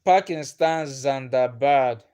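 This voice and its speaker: This male livestream host takes his time, his mid-range voice warm and smooth. Chatting casually, he reads out comments. A native Igbo speaker, he shows patience, repeats what he says, and chuckles frequently.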